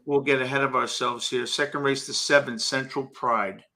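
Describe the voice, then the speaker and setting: Male co-host, bright forceful voice, casual racing analysis. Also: medium pitch, fairly even intonation, moderate pace. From Brooklyn, New York. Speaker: co-host, horse racing handicapper.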